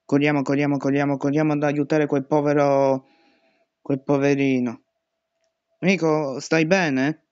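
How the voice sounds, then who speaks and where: Young man, horror gameplay commentary, high-ish voice, dry dull mic. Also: little pitch movement, measured pace, clean tone, no echo. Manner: panicky, swearing and shouting at jumpscares. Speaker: gaming youtuber.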